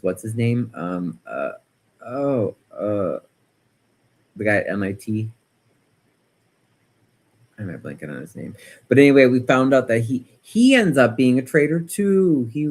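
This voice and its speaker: An American man with a lowish voice hosts a casual livestream, reading viewer comments and offering political commentary. He chats in an animated, opinionated, rambling manner and often repeats words for emphasis.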